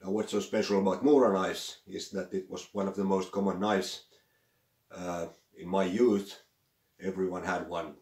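An older man, a craftsman talking casually about his work in a workshop, pausing often with "uh". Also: low voice, fairly even intonation, darkish tone, echoey room. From Finland. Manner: unhurried, with frequent "uh" pauses. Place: cluttered indoor workshop.

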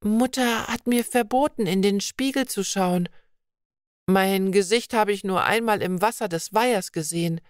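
A woman voicing a shy, timid young maiden in a storybook reading, speaking softly and politely in old-fashioned phrases. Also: medium pitch, moderate pace, dry recording, studio quality, natural voice. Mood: fearful.

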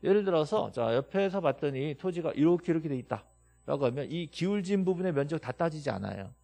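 A man teaching a classroom lecture, emphatic and quizzing his students with quick questions and answers. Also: on the high side, expressive, creaky, dark tone, no room sound. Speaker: real estate law instructor.

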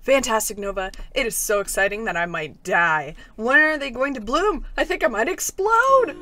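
A woman voicing an excitable, melodramatic male gardener from a video game in a gushing manner. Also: on the high side, moderate pace, no echo. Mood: thrilled.

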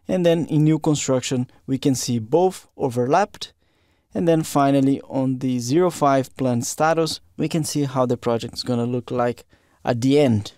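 Brief: male software instructor, mellow tone, steady walkthrough, dry close recording. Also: medium pitch, no echo. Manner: steady step-by-step explaining. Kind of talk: screen-recorded software tutorial.

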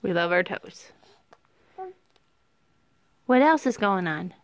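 A woman's voice: lowish voice, expressive, slow pace, slight background noise. A woman talking baby talk to her infant, coaxing and squealing praise in a sing-song voice. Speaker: mother filming her baby.

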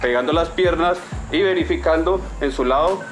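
A man's voice: on the high side, normal speed. A young Colombian man giving step-by-step military instruction like a drill instructor, repeating commands and checking he is understood. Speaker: military air assault instructor. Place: outdoors on a training tower. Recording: music behind.

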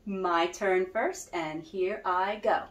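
A woman's voice: medium pitch, slow pace, heavy background noise. A woman music teacher leading a children's lesson, cheerful and guiding with call-and-response. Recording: roomy echo.

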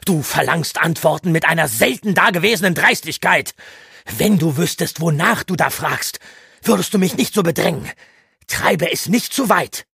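A man voicing a gruff, guarded older male mentor in an audiobook, speaking in a grave, lecturing way with a husky voice. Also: deep voice, animated, a little slow, fairly bright tone, no room sound, clean studio sound, exaggerated voice. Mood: thundering. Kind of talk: audiobook character reading.

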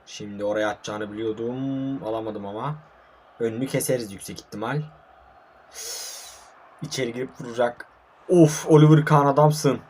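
A young man provides live commentary on his own online football match, swearing out of frustration and addressing himself and viewers. His medium-pitched, slightly mellow voice keeps a normal speed with frequent pauses, over slight background noise.

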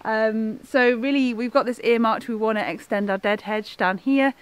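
A young woman hosting a farm vlog, talking in a relaxed, thoughtful way with plenty of fillers, filmed outdoors and in a goat shed. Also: fairly high pitch, normal speed, smooth. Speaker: farmer and vlog host.

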